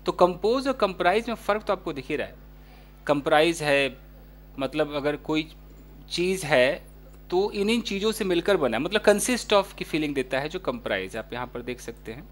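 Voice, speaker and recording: A man with an Indian accent teaches English words to learners, his voice sitting a little high for a man. He explains in a casual, chatty way and slows right down whenever he reads out an English example sentence. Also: expressive. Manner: explains with many examples and repeats English phrases slowly.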